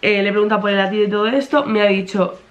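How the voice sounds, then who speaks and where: A woman's voice: medium pitch, rapid-fire, a little hiss or hum. A young pregnant woman chatting casually to camera, rambling with many fillers. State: pregnant, in some pain. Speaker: vlogger.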